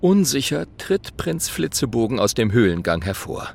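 A man narrating a children's audiobook, lively and playing many characters. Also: medium pitch, moderate pace, gravelly. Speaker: storyteller.

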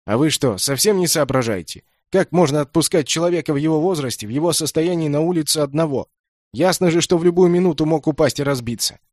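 A man voicing a gruff, elderly retired doctor who lectures and scolds. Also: fairly high pitch, brisk, darkish tone, no echo, studio quality, voice pushed up, natural voice. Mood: angry.

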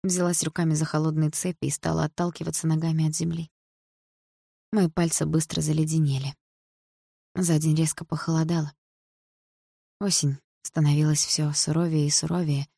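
A woman reading a first-person novel aloud in a quiet, measured way. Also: low-pitched, flat delivery, gravelly, slightly rough, dry recording, studio quality. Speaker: audiobook narrator.

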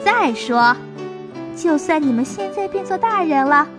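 Storybook mother, chiding and firm, voiced by a woman reader, lower than her narration. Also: expressive, a little slow, music in the background. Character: scolding mother, fond but firm.

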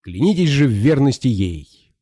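A man's voice: medium pitch, big pitch swings, normal speed, dark tone, dry recording, clean studio sound. A man reading an audiobook, voicing a proud, dying empress who speaks with haughty solemnity. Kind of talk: audiobook character voice.

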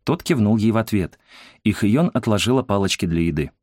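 A man reading an audiobook in calm, even scripted narration. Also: on the low side, brisk, no room sound, clean studio sound.

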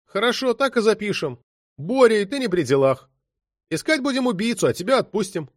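A man's voice: high-pitched, expressive, brisk, dry recording, clean studio sound, pitched above the performer's own voice. A man doing a hot-tempered young detective. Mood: mocking aggressive. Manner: aggressive, sulky.

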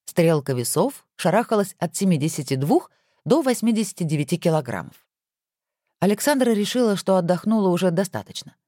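Woman audiobook narrator, low voice, dry close sound, very expressive. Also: brisk, dry recording.

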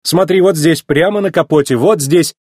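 A brisk, bossy female car, as a man puts her on, blunt and commanding. The voice rides higher than his own with a husky edge. Dry, close storybook sound. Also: warm tone, no echo, lightly acted.

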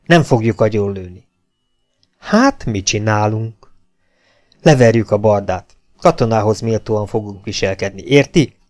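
A man's voice: fairly low pitch, expressive, pauses often, darkish tone, lightly acted. A man reading an audiobook who voices a stern, principled male baron serving as a legionnaire, speaking firmly and commandingly. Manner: commanding, firm, raised voice. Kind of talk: audiobook character voice.

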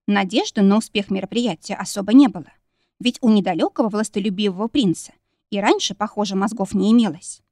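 Brief: female audiobook narrator, mid-pitched, dry close mic. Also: a little fast, mellow, dry recording. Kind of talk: first-person audiobook narration.

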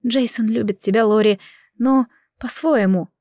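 A woman reading the part of a gentle, worried mother who speaks softly and tenderly in an audiobook. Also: on the high side, a little slow, no echo, clean studio sound. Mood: tender hushed. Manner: hushed, tender.

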